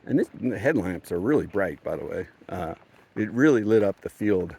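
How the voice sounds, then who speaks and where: A man with a fairly low voice tells a story outdoors on a mountain trail for his hiking vlog. He rambles, chuckles often and restarts his sentences as he talks. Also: animated, moderate pace, vocal fry, mellow, slightly rough. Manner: rambling, chuckling, self-correcting. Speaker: thru-hiker vlogger.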